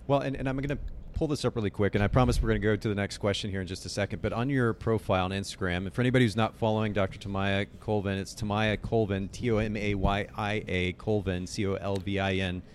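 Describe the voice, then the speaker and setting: Fast-talking male podcast host, slightly low. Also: steady tone, a little hiss or hum. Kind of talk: conversational podcast interviewing.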